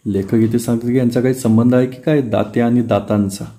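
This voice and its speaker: Man, Marathi accent, teacher, textbook lesson, reads dialogue then explains, mellow tone. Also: medium pitch, fairly even intonation, a little fast.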